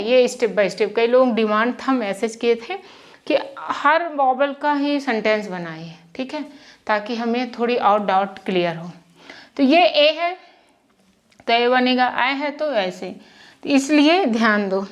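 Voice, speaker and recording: A woman teaching how to spell names, patiently sounding out syllables and checking in with the listener. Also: a little high. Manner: patient, repeats and checks with "ठीक है". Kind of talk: slow spoken lesson.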